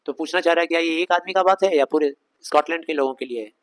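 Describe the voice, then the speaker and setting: A man teaching a Shakespeare scene line by line, reading the English slowly in an Indian accent and explaining it in conversational Hindi with rhetorical questions. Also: on the high side, fairly bright tone, low-quality recording. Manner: reads English lines slowly, explains them fast in Hindi.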